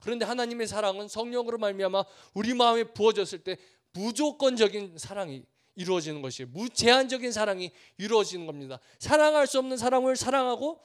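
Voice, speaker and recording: A man's voice: sits high, lively intonation, fast, hardly any pauses, clean tone. A man preaching a sermon as a missionary, earnest, building through repeated phrases and acting out the villagers he meets. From Korea. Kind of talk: sermon with storytelling.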